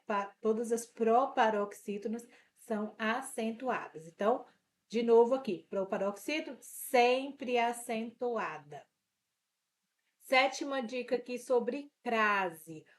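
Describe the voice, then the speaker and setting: A woman teaching an exam review lesson, slow and patient, repeating each rule and checking in with the listener. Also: on the high side, fairly bright tone.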